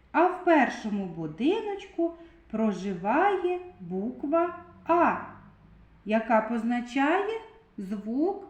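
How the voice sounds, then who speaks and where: A woman teaching little children in a slow, sing-song lesson voice, stretching out the key sounds. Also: sits high, a little mellow. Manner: exaggerated, drawn-out stressed sounds. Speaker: kindergarten teacher. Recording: echoey room.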